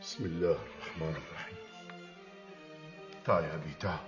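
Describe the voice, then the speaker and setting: Devout Damascene family man, solemn, deep, TV period drama, dull sound. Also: quick pace, music in the background. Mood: devout, moved. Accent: Damascene Syrian. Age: middle-aged.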